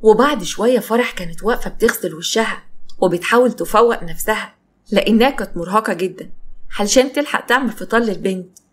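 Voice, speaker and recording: A woman with an Egyptian accent narrates a family story at a brisk pace. Her pitch sits in the middle, and her delivery is steady. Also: slightly rough. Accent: Egyptian Arabic.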